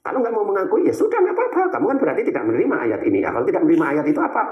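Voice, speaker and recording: Male preacher, lively, teasing, rhetorical; roomy echoey recording. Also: high voice, very fast, muffled recording. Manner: animated, teasing, rhetorical questions. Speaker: Islamic preacher. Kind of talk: religious talk with questions. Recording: echoey room.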